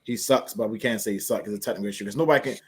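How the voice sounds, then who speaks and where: A man riffing in a relaxed sports talk with friends, quick on his words. He mocks and questions in an incredulous, ribbing way. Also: on the low side, slightly rough.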